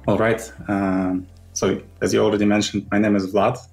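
Gravelly-voiced man, halting speech. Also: lowish voice, little pitch movement, faint music behind. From Ukraine. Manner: halting, many fillers and restarts. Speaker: program director. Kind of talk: podcast interview.

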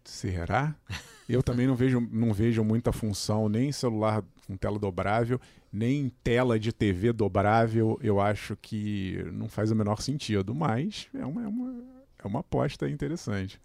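A man's voice: lowish voice, normal speed, gravelly, darkish tone, no room sound. A man co-hosting a podcast, giving thoughtful, somewhat hesitant opinions. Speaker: podcast co-host. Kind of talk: casual podcast discussion.

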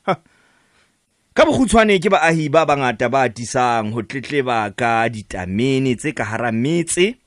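A man's voice: mid-range voice, moderate pace, hardly any pauses, dry recording, studio quality. A man with a South African Sotho accent, hosting a radio interview programme. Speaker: radio talk show host.

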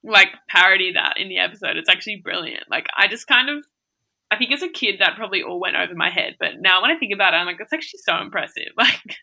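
A woman's voice: mid-range voice, lively intonation, fast, vocal fry, pushed and bright. A young woman in casual chat, rambling and laughing often, with many fillers. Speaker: conversation partner.

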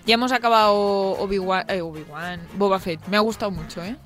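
A young woman co-hosting a relaxed chat show, with a bright, sharp tone. She talks in an emphatic, chatty way, with light music under her voice. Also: medium pitch. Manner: chatty, emphatic, quick to laugh. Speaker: radio show co-host. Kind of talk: casual chat.

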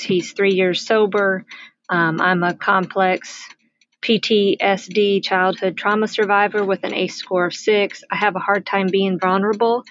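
Caller on voicemail: stressed woman, forties, halting delivery, muffled line with light background noise. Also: mid-range voice, fairly bright tone. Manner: hesitant, halting, with many ums. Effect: played voicemail message. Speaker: caller leaving a question. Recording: dull lo-fi voicemail with faint noise and clicks.

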